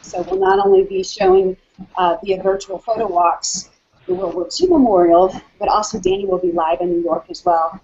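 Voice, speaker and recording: A woman hosts a casual video call, chatty and full of ums and restarts. She is slightly out of breath from walking. Her voice is husky and the call audio sounds dull and lo-fi. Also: mid-range voice, animated, normal speed, mellow. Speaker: hangout host.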